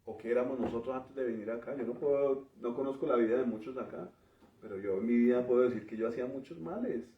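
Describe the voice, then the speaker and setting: A man preaching a teaching sermon, explaining word meanings in a measured way and often ending phrases with a questioning tag. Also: medium pitch, a little hiss or hum. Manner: pauses and restarts while working through word meanings. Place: church. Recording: roomy, distant, dull church recording.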